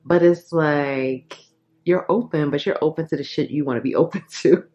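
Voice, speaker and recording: Low-voiced woman doing a tarot reading, laid-back and blunt, giggles a lot, kinda muffled lo-fi audio. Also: normal speed, warm tone. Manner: chatty, laughs often, frank, filler-heavy. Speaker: tarot reader. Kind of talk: casual tarot reading to camera.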